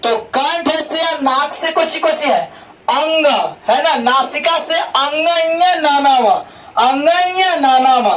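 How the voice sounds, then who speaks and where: High-voiced male teacher. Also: takes it slowly, fairly bright tone. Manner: repetitive drilling with rhetorical questions. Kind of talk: online class lecture. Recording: distant mic with faint background noise.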